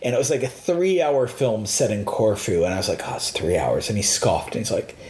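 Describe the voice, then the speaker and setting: A man's voice: lowish voice, sing-song, fairly quick, a little mellow. A man from the United States chatting casually as a co-host, rambling and hesitant with many fillers. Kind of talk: casual chat. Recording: roomy echo.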